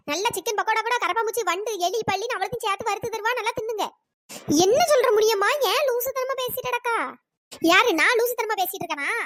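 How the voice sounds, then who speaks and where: A woman voicing a bunch of scheming village women customers in a cartoon, with a teasing, quarrelsome way of talking, her voice pitched up. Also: a bit bright. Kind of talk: cartoon voice acting.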